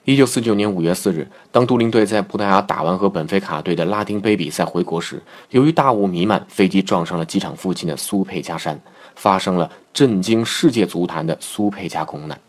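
A man with a somewhat low voice narrates from a script as the host of a football show. He tells his story in a solemn, measured way.

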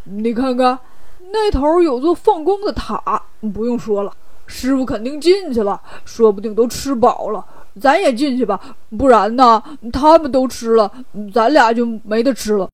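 A woman voicing a lazy, food-loving male pig-monk in a lowered, drawling voice. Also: animated, moderate pace, dry recording, close to an everyday voice. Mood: lazy easygoing. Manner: lazy, drawling, deeper put-on voice.

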